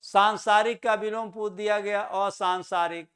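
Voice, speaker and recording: A man teaching a Hindi grammar lesson for exam students, who asks questions and answers them himself and repeats key words slowly to stress their correct pronunciation. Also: high-pitched, steady tone, fairly bright tone.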